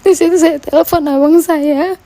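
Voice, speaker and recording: High, gravelly woman. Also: steady tone, warm tone. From Medan, Indonesia. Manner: halting, fragmented recounting. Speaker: mother filing a police report. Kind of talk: personal account for a news report.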